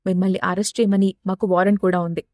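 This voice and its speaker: A woman voicing a male police officer who speaks in a brisk, formal, official way. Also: mid-range voice, little pitch movement, darkish tone, no echo, clean studio sound, voice pushed down, lightly acted.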